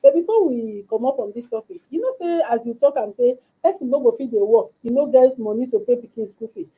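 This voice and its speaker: Phone-like narrow sound, Nigerian woman, high voice, Nigerian Pidgin, talk show host, emphatic casual delivery. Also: lively intonation, fast, breathy edge.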